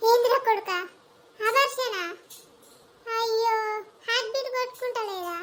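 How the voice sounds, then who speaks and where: A woman with a Telangana accent playing a scheming village mother-in-law who complains loudly. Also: very high voice, moderate pace. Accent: Telangana Telugu. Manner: loud, scolding and complaining. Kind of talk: village comedy skit acting.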